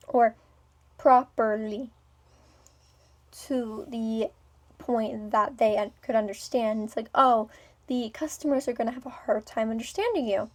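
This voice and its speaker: In a personal vlog, a young woman with a speech impediment rambles, pausing, restarting and saying um a lot. Her voice is a little high and a little mellow, and she moves between smooth, businesslike delivery and a playful tone.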